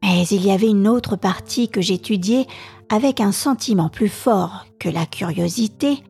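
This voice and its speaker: A woman narrating a classic novel slowly and deliberately as a storytelling podcast host. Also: medium pitch, creaky, breathy edge, faint music behind. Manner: slow, soft and deliberate.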